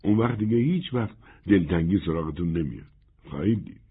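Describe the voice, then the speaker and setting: A man voicing a gentle, melancholy wandering man in a soft, husky, resigned tone. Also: sits low, expressive, slight background noise. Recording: narrow phone-like band.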